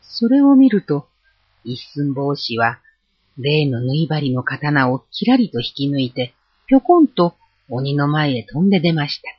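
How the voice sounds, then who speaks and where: A storyteller reads a folk tale aloud with a lively, expressive delivery. The voice is husky, and its pitch moves a lot. The recording is dull and lo-fi. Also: measured pace, no room sound.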